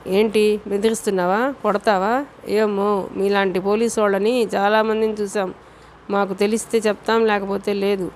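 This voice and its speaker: A woman narrator voicing two loud, defiant petty male thugs protesting their arrest. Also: medium pitch, little pitch movement, normal speed, a little hiss or hum, lightly acted.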